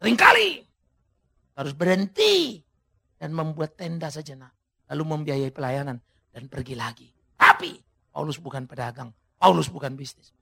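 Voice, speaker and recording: A male preacher delivering a sermon in a high, sharply bright voice with heavy gravel running through it. He swings his pitch widely and breaks into sudden shouted emphases, speaking straight to his congregation. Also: big pitch swings, normal speed. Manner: addresses the congregation directly. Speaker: pastor.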